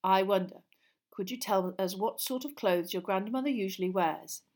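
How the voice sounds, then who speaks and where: A woman voicing a calm, encouraging male professor of magic in storybook dialogue, explaining things in a measured, teacherly way. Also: mid-range voice, natural voice. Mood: gently encouraging. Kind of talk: acted audiobook dialogue.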